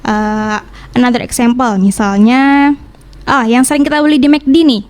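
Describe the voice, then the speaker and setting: Woman, from Indonesia, English teacher, casual radio lesson, mixes Indonesian and English, patient examples, somewhat high voice. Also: steady tone, normal speed, darkish tone, clear, resonant tone. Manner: switches between Indonesian and English mid-sentence.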